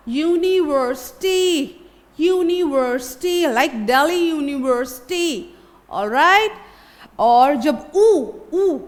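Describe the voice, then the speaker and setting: A woman's voice: sits high, in a large hall. A woman teaching a spoken English lesson, repeating each word and checking in with the class. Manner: slow, repeats words, checks in with "alright?".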